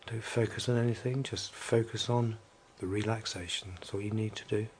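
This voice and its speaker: Male relaxation guide, low soothing voice with whispered passages, faint background hum. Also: steady tone. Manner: slow, soothing, drifting into soft whispers.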